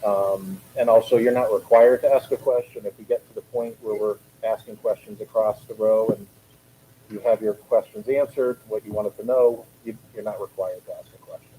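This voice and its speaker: A man chairing a school board meeting, laying out the procedure in a steady, procedural way with small restarts, speaking from a board table in a meeting room. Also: on the low side, moderate pace, slight background noise, poor audio. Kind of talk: running a public meeting.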